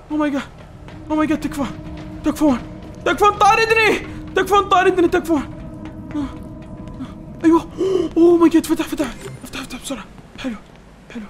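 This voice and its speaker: A man giving excited commentary on a horror game, shouting, jumpy and mixing in English words. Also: very high-pitched, a little hiss or hum. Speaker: gaming YouTuber playing a horror game. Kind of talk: excited let's-play commentary.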